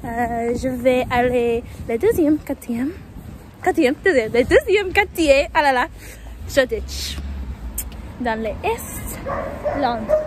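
An American woman, a native English speaker, talking casually in a travel vlog, speaking halting learner's French and correcting herself often. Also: high voice, lively intonation, noisy background. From United States. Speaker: travel vlogger. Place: outdoors on city streets.

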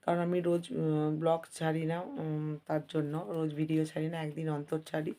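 Hoarse lady talking to her viewers while she cooks at home, low and kinda flat. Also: brisk. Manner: chatty, addresses viewers as friends. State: hoarse from a cold. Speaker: vlogger. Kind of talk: casual home vlog chat. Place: home kitchen.

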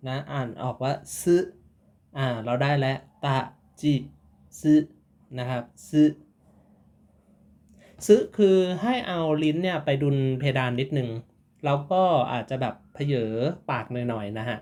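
A man teaching a casual online Japanese lesson, slowly repeating syllables and explaining each sound in a friendly, informal way. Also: mid-range voice, animated, a little mellow.

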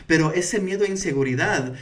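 An energetic man teaches hypnotherapy, tossing in frequent "ok?" check-ins as he talks. His voice sits on the higher side. He sounds slightly away from the microphone. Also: a little fast, far from the mic. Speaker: hypnotherapy instructor. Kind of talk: instructional talk to camera.

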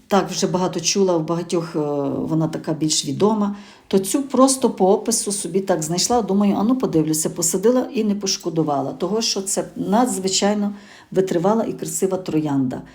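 A middle-aged Ukrainian woman hosts a gardening channel, giving a casual spoken garden review full of hesitations and self-corrections. Her mid-range voice is animated, fairly quick, and a little mellow.

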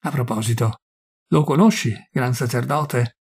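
A man's voice: mid-range voice, a little mellow, husky. A man voicing a menacing Roman governor. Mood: mocking menace. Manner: slow, threatening, then fiercely scornful. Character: stern older male Roman governor, weary and menacing.

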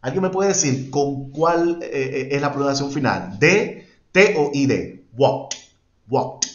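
A man's voice: medium pitch, animated, a little slow. A man teaching an English class, explaining patiently and repeating words emphatically as he switches between two languages. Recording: echoey, dull-sounding room.

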